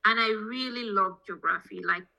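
Poor audio captures this Nigerian-accented woman, a petroleum engineering professor guesting on a podcast, as she talks through her own path like an academic in conversational interview answers. Her mid-range voice, at normal speed with some vocal fry, comes across strikingly bright, forceful, and keen-edged.

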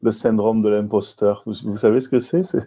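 A man who is the guest author on a podcast, speaking in a halting, self-deprecating way. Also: on the low side, steady tone, warm tone, slight background noise. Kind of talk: podcast interview.

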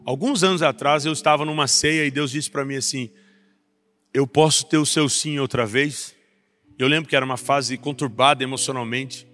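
A young Brazilian man preaching a personal testimony as a pastor, rising to intense passages and dropping back soft. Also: mid-range voice, fairly even intonation, normal speed. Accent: Brazilian Portuguese. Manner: builds to intense raised passages, then drops soft. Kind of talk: sermon testimony. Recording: faint music underneath.

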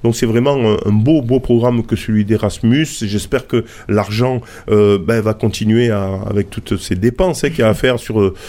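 A man's voice: fairly low pitch, moderate pace, hardly any pauses, warm tone. A man hosting a radio interview, talking with many hesitations and restarts from a studio. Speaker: radio show host.

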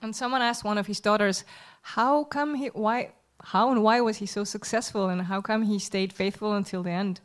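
A woman with a mid-range voice interprets a church sermon live, speaking at a normal pace with fairly even intonation and few pauses. She sounds hesitant, searching for words and relying on fillers and self-corrections.

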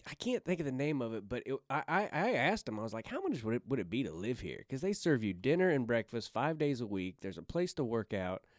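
A man's voice: medium pitch, very animated, fairly quick, few pauses, no room sound, clean studio sound. A man from Arkansas who grew up in Kansas City, talking in a laid-back, profane podcast chat.

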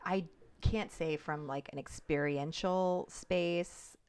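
A woman's voice: low voice, steady tone, slow, a little mellow, smooth. A woman in her forties, a podcast guest, speaking reflectively in a conversational interview and thinking aloud as she goes. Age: 40s.

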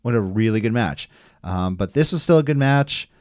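This co-host of a casual podcast runs through wrestling matches from his notes, peppering the recap with ums and uhs. His voice is lowish, darkish, and animated at a moderate pace, in a clean studio recording with no echo.

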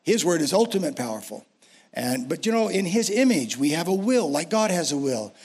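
Casting: American man, 60s, guest preacher, slightly high voice, emphatic delivery with repeated phrases. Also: big pitch swings, a little fast, darkish tone, slightly rough. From United States. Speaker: senior pastor, guest preacher. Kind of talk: sermon. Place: speaking to a church congregation.

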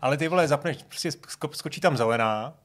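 A man's voice: on the high side, fairly bright tone. A man co-hosting a podcast in casual chat, complaining with frustrated, swearing asides. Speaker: podcast co-host.

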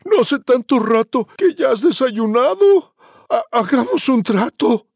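Storybook piglet: tiny, panicky, shrill squeal, as a man puts it on. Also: lively intonation, measured pace, vocal fry, no room sound, studio quality, exaggerated voice. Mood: pleading. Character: small frightened male pig, shrill.

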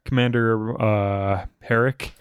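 A man co-hosting a podcast, chatting about history in a rambling, animated way with many restarts. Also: on the low side, slow pace, clean tone, no echo, highs cut off. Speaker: podcast co-host. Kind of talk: casual history chat.

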